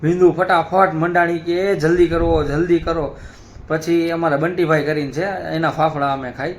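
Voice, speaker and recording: Man, high voice, relaxed family-vlog storyteller, faint hiss behind. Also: moderate pace. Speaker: family vlogger. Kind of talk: casual chat.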